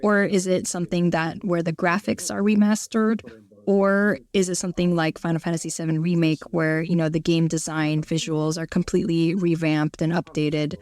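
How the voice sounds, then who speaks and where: A woman working as a live interpreter on a podcast, relaying a question in the first person with frequent fillers and pauses. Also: on the low side, level tone, darkish tone.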